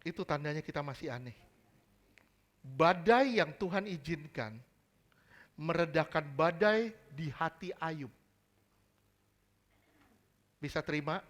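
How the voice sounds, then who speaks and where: A man's voice: on the high side, fairly bright tone. A male pastor preaching a sermon in a church service. He is emphatic, mixes casual slang into his preaching and quizzes the congregation with repeated questions.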